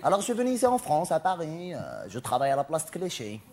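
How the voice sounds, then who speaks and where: A man's voice: fairly high pitch, sing-song, fast, heavy background noise. A man performing a stand-up monologue as a vain, chatty, flamboyant male cabaret performer who snaps at hecklers. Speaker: comedian.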